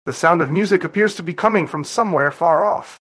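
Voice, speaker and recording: A man's voice: on the high side, brisk, a bit bright, slightly rough. A man acting as game master, setting scenes in a plain, brief way. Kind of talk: narrating a role-play game.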